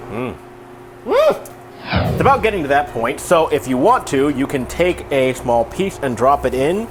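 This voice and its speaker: In his home kitchen, a tipsy man hosts a casual cooking tutorial, joking loosely with mock-formal phrasing and wry asides. His voice is medium-pitched, expressive and moderately paced. A frying pan sizzles amid kitchen noise.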